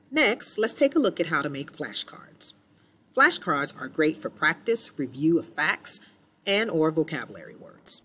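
A software tutorial is screen-recorded with a woman teacher's low voice over it, laying out clear instructions one step at a time.

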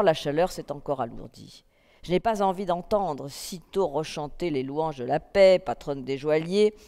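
A woman reading a literary text aloud at a festival, in a calm, measured first-person narration. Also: low-pitched. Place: festival stage in a hall. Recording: long reverb of a hall.

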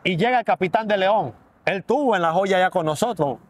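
Man, high-pitched, animated testimony, acts out quotes. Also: fairly quick. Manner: animated storytelling, acting out quoted speech. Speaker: interviewee giving a testimony. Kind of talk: dramatic personal testimony.

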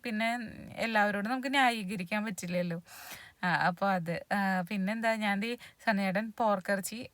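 A woman, chatting casually through a home vlog with drawn-out fillers. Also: medium pitch, a bit bright, dry recording. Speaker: vlogger. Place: home, kitchen and yard.

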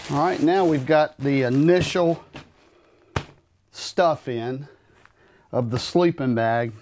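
A man in his thirties giving a relaxed, plain-spoken demonstration of camping gear while handling it in a carpeted room at home. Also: medium pitch, slight background noise. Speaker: gear reviewer. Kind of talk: casual product demonstration. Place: carpeted room in a house, indoors.

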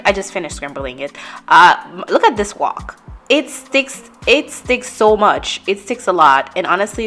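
A woman's voice: medium pitch, fairly bright tone. A woman narrating her own cooking vlog in a casual, chatty way, often restarting her sentences. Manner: chatty, self-correcting, light laughs. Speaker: cooking vlogger.

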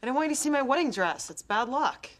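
A woman's voice: high-pitched, lively intonation, a little fast, soft background music. Teasing young girlfriend. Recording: noisy sitcom TV audio.

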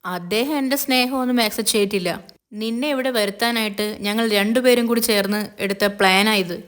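A woman's voice: medium pitch, a little fast, a bit bright, close to an everyday voice. A woman voicing a young female friend who teases and probes her friend about her hidden love. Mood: teasing. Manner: teasing, probing.

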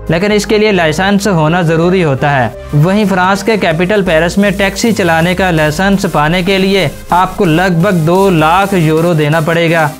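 A man narrating a scripted facts video, addressing viewers as friends in a brisk voice-over. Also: high-pitched. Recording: faint music under voice-over. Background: background music.

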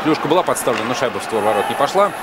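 A male play-by-play commentator calls live ice hockey in an excited goal-call manner. His delivery is quick and at a middle pitch. A very noisy arena crowd roars behind him. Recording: loud crowd and arena noise.

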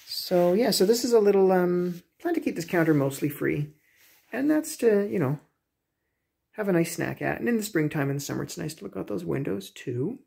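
A man's voice: high voice, expressive, moderate pace, vocal fry, darkish tone, slightly rough. A man in his thirties giving a casual, rambling home tour vlog on a handheld phone in his kitchen, with many fillers and restarts. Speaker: homeowner vlogger. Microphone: phone camera, handheld selfie then walking.

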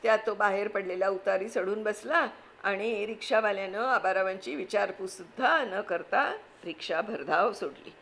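A woman narrating a story aloud in a steady, expressive reading voice. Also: medium pitch, moderate pace, gravelly, slight background noise.

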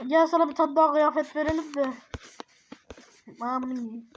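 A young woman giving casual gameplay commentary, brash and blunt, often swearing and scolding loudly. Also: high-pitched, steady tone, moderate pace, highs cut off, slight background noise. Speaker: gamer playing a babysitter game.

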